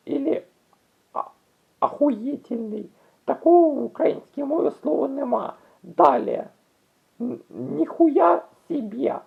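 A woman explaining word usage in a casual video, halting often with restarts and drawn-out fillers. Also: high voice, creaky. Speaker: language explainer. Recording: tinny phone-like audio.

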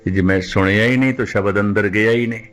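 An older man giving a measured religious discourse, repeating phrases and slowing down to recite scripture. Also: lowish voice, steady tone, a bit bright, soft background music. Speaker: Sikh preacher giving katha.

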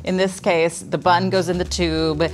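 Low-voiced, chatty woman interviewee. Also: little pitch movement, a little slow. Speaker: food writer.

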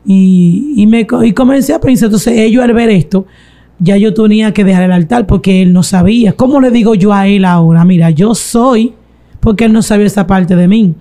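A woman giving a slow, reflective confessional testimony in an interview. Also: medium pitch, warm tone. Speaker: guest telling her testimony.

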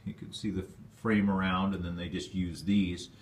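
Homeowner, male, very low voice, plainspoken, rambling tour, echoey basement. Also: flat delivery, moderate pace, slight background noise. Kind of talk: casual walkthrough narration. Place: dark stone basement, indoors. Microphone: handheld phone camera.

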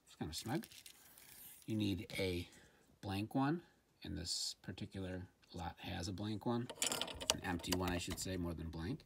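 This gadget reviewer speaks low, unhurried and gravelly, pausing often during an informal hands-on demonstration at an indoor tabletop. He sounds slightly hesitant, thinking things through aloud, with faint noise and handling clicks in the background.

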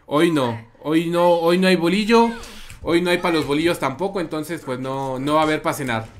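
Male streamer, Mexican accent, raised pitch, casual chatty game commentary. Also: normal speed. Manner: chatty, repeats phrases, reads and answers chat. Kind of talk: live gameplay commentary.

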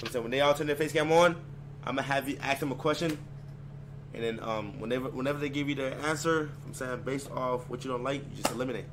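A man's voice: medium pitch, quick pace. A man hosting a dating game on stream, giving orders in slang and repeating "bet" and "I'm saying.". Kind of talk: casual hosting over a group call. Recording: noisy stream call audio with hum.

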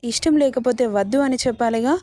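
A woman's voice: fairly high pitch, fairly quick, dark tone, no room sound, lightly acted. A woman voicing a sweet, coaxing young girlfriend.

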